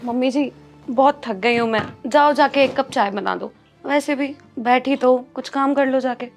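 An actress playing a proud, bossy working daughter-in-law in a family short film, commanding in tone. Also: female voice, high-pitched, moderate pace, soft background music.

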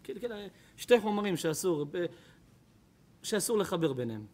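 A man's voice: high voice, big pitch swings, darkish tone. A man, a rabbi, giving a Torah lecture to an audience, telling stories emphatically and addressing listeners by name.

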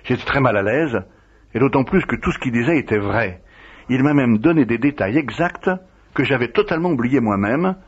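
A priest with a husky, mid-range voice recounts old memories in an interview at a moderate pace, vividly acting out the dialogue as he goes. The audio is a dull, lo-fi radio recording.

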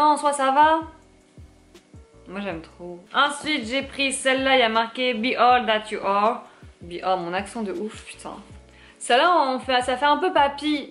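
A woman's voice: mid-range voice, a bit bright. Chatty young woman vlogger. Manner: chatty, fillers, self-mocking asides. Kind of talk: casual haul vlog.

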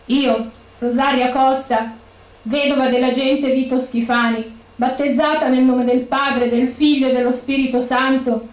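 On a bookshop stage, an actress performs a theatrical monologue as the grieving widow of a murdered policeman, sounding bitter, accusing and indignant. Her high-pitched voice is steady and a little slow, and the room echoes.

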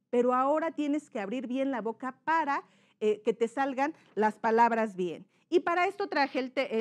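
Mexican woman teacher explaining. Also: high voice. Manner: explanatory, frequent check-ins, demonstrates readings badly then well. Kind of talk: educational lesson on reading aloud.

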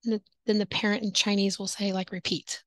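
A woman's voice: medium pitch, level tone, brisk, no echo, rough recording. Chatty woman teacher, dry close sound. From native English speaker. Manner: chatty, acts out classroom exchanges, drops to whispered asides. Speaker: online English teacher. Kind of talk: casual teaching-tips chat to camera.

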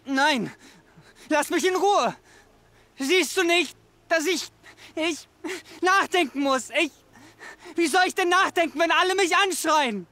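An anguished, haunted outcast. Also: male voice, very high-pitched, takes it slowly, pauses often, sharp tone, dry recording, exaggerated voice. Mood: desperate. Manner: anguished, pleading, desperate. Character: troubled young man haunted by voices, pleading. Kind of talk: video game dub.

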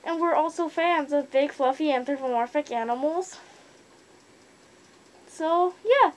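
A woman's voice: sits high, measured pace, low-quality recording. A young woman rambling casually with many fillers about why she wears a fursuit, speaking from inside a costume head. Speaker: fursuiter vlogger. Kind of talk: casual opinion monologue.

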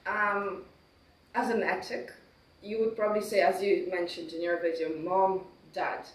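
A young woman from Poland, a student, talking relaxed and chatty as an interview guest. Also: medium pitch, normal speed. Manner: relaxed, talkative, light laughs. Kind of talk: casual interview chat. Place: room with a table and flowers. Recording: roomy, distant room sound.

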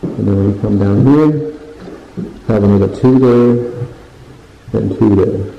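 A home renovation vlogger with a fairly low voice and vocal fry takes it slowly as he walks through his unfinished basement, bare drywall all around, holding his phone camera. He rambles casually, searching for words and pointing things out, and the indoor recording is echoey, dull, and lo-fi.

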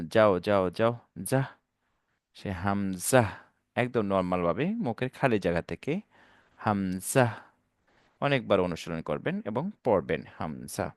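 Man, Quran teacher, low voice, dry close sound, stretched-out letter sounds, patient repetition. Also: dry recording. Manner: drawn-out, stressed letter sounds for learners to copy; patient, repeats and asks questions to the class. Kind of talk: online lesson teaching Arabic letters.

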